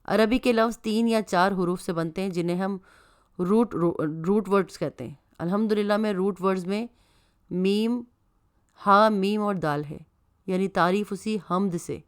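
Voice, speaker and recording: A woman's voice: mid-range voice, clean tone, lightly acted. A woman reading the lecture of a female religion teacher, explaining word roots in an instructive tone.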